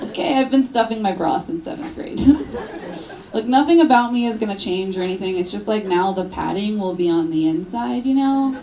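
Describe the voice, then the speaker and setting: On a club stage, a woman in her thirties performs stand-up into a handheld mic, telling bawdy, self-mocking stories and acting out voices. Her voice is medium-pitched, expressive, fairly quick and darkish, captured in a live club recording with crowd noise and audience laughter.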